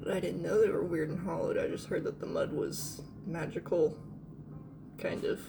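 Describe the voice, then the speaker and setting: A woman's voice: lowish voice, fairly even intonation, gravelly, music in the background. A woman playing at a tabletop game, chatting casually in a playful, joking way. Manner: playful and giggly, quick to joke. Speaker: player. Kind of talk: casual tabletop role-play chat.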